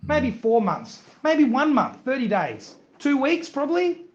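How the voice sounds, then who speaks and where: A man, chatting as a podcast guest, animated and repeating words as he tells stories. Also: extremely high pitch, measured pace, dull audio. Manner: animated, repeats words, acts out others in quotes. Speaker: podcast guest, business owner. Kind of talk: casual interview chat.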